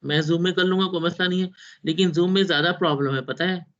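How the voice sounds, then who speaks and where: A man's voice: sits high, fairly even intonation, rapid-fire, fairly bright tone. A man teaching an online university class over a video call, explaining step by step and mixing in English technical terms. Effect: heard over a video call. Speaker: university lecturer. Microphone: laptop on video call. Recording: dull video call audio.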